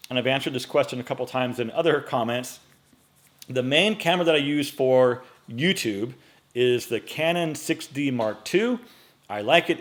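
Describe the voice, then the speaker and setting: Chatty man in his late forties. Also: mid-range voice. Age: 40s. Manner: relaxed, chatty, with many fillers and restarts. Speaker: men's style YouTuber. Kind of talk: casual Q&A vlog. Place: indoor home studio. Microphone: microphone in front of him.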